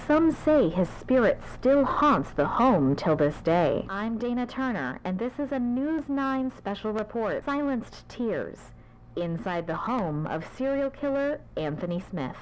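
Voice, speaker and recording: Weary TV news reporter. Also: female voice, on the high side, lively intonation, measured pace, a little hiss or hum, rough recording. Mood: dramatic. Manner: dramatic newscaster reading.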